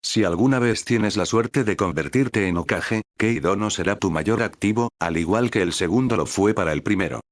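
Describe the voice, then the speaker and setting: A man voicing an aging male village leader, wise and content, with a measured, grave delivery. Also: on the low side, dry recording, studio quality, natural voice. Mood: solemn.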